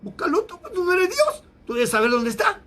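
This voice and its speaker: A man's voice: extremely high pitch, lively intonation, normal speed, creaky, sharp tone, voice pushed up, exaggerated voice. A man voicing a defiant grown man who answers back irreverently and scornfully. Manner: scornful, dismissive retorts.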